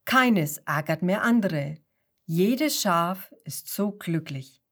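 Woman doing a low puzzled shepherd guy, slow wondering questions, storybook. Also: animated, a bit bright, full character voice. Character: puzzled older male shepherd, gentle and wondering.

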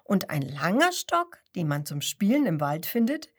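A woman puts on a cheeky puppet clown, high-pitched and boisterous, bouncing through his jokes in a children's storybook. His voice leaps up and down in lively swings. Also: moderate pace, breathy edge. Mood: jolly. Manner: loud, high and bouncy, joking. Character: cheeky hand puppet clown Kasper, male, jolly joker.

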